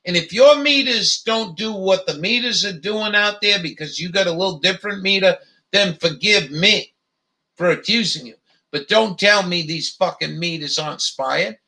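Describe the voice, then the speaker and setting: A man hosts a live chat and rants, heated and profane, rambling through fillers. His voice is high and gravelly, with a bright, tense edge. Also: normal speed. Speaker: livestream host. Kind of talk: angry profane rant.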